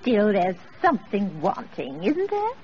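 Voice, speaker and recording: A performer voicing a cheerful young wife in an old radio drama, lilting and lively. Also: male voice, high-pitched, unhurried, pitched above the performer's own voice, exaggerated voice. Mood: bright. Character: young wife, bright and chatty. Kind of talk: 1940s radio acting. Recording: muffled old radio broadcast, noisy.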